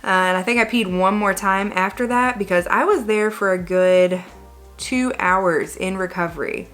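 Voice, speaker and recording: A woman's voice: mid-range voice, normal speed, a bit bright, faint music behind. A woman telling a personal story to viewers in a casual, rambling way, often saying "like" and correcting herself. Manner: rambling, conversational, frequent "like" and self-corrections. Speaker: vlogger.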